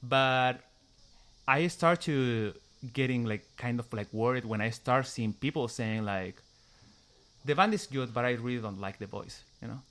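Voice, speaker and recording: A Chilean musician with a Chilean Spanish accent answers casual interview questions in English and also reads a passage. His medium-pitched, fairly bright voice moves at a measured pace; he hesitates often, says "like" a lot, and pronounces each sound carefully.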